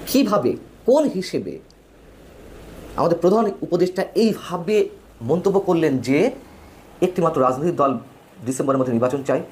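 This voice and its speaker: A man giving opinionated political news commentary, emphatic, with his pitch swinging widely between phrases. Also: brisk, darkish tone, slight background noise.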